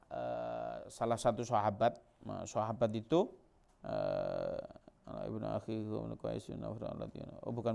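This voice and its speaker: A man's voice: mid-range voice, creaky. A male preacher, giving a chatty sermon that tells stories and jumps into acted voices. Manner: chatty storytelling, sudden jumps into acted voices, local slang.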